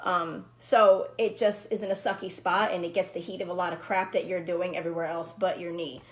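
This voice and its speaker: A woman's voice: on the low side, flat delivery, fairly quick. A woman running coach talking casually on a live stream, answering viewers by name and explaining her program with many restarts. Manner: chatty, restarts often, warm to named viewers.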